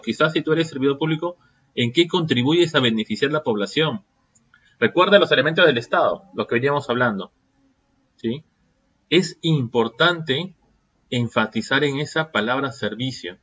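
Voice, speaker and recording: A man's voice: mid-range voice, fairly bright tone, husky, highs cut off. A man giving a seminar lecture, firing off rhetorical questions and checking in with the audience. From Peru.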